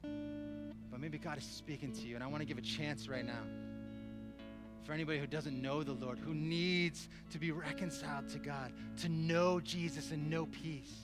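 A married man preaching an emotional sermon and praying, swinging from hushed talk to loud, impassioned cries. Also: a little high, steady tone, normal speed, over music. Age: adult, married. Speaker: pastor.

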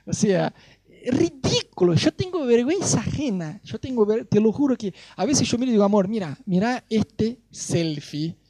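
A male preacher giving a sermon, an animated storyteller who jokes about his own youth. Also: very high-pitched, moderate pace, no room sound. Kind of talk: sermon with personal anecdotes.

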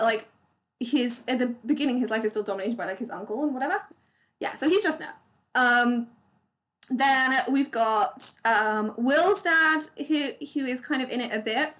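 Chatty woman co-host, slightly high voice, full of fillers and restarts. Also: a bit bright. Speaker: podcast co-host. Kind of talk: casual chat.

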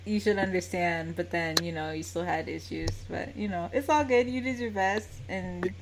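A woman's voice: on the low side, moderate pace, background noise. A woman with a standard American accent chatting casually and informally as she interviews someone, with an easy laugh in her talk. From United States. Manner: informal, chatty, laughs easily while talking. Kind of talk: casual chat.

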